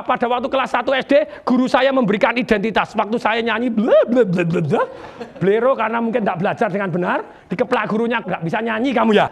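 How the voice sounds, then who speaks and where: A middle-aged man giving an energetic motivational seminar talk to a live studio audience, asking questions and waiting for replies. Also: very high voice, gravelly. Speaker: motivational speaker.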